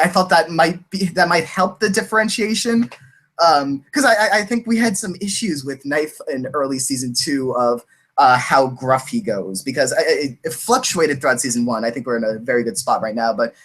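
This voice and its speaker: A man's voice: mid-range voice, a bit bright. Rambling, giggly young man. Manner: rambling, laughs often, restarts sentences. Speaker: voice actor. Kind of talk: casual podcast chat.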